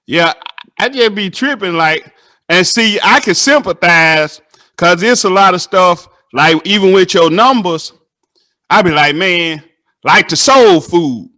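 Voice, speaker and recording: A man, hosting a casual interview and telling animated stories that act out the dialogue. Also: high voice, unhurried. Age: 30s. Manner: animated storytelling, acts out dialogue.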